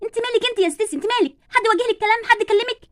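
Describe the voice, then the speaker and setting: A woman voicing a mischievous, defiant schoolgirl doll in an Egyptian accent, cheeky and quick-talking. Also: very high voice. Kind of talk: doll-play storytelling.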